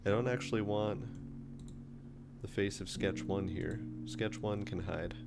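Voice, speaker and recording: A man's voice: fairly low pitch, measured pace, gravelly, heavy background noise. A man streaming live, chatting casually and thinking aloud with ums while he works through a design. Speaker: streamer and engineering teacher. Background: background music.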